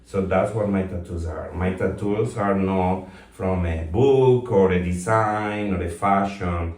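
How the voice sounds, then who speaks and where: A Colombian man in his fifties, a guest in a casual interview, speaks in a very low, slightly mellow voice, reflective and unhurried, with frequent fillers and restarted sentences. He sits a bit back from the mic, and the room sounds echoey.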